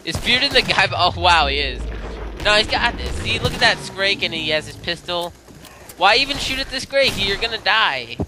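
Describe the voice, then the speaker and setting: A young man hosting a casual let's play, rambling excitably with lots of fillers. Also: high voice, moderate pace, background noise. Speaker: gaming channel host. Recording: game audio with gunfire over the voice. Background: gunfire.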